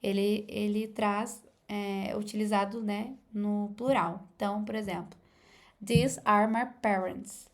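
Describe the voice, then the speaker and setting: A young woman with a Brazilian Portuguese accent, a native Portuguese speaker, giving a casual English lesson and pausing often to correct herself. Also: mid-range voice, steady tone. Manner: hesitant, many fillers and restarts. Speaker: English teacher.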